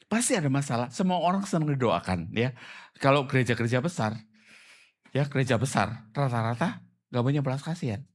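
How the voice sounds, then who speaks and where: Animated male pastor preaching. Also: medium pitch. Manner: animated, prompts the reader and congregation with quick questions. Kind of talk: conversational sermon. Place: church service.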